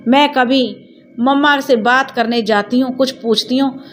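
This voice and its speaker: Woman voicing a cheeky little girl, chirpy and pleading, a touch high, for a storybook. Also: a little hiss or hum, lightly acted. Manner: chirpy, pleading, tearful when scolded. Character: lively cheeky young girl, devoted to grandmother.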